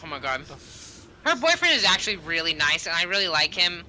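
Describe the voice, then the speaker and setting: Woman streamer, chatty and giggly in casual game voice chat; very bright tone. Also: fairly low pitch, big pitch swings, a little fast, slight background noise, low-quality recording. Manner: chatty, giggly, eats while talking. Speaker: streamer playing with friends. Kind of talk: casual voice chat while gaming.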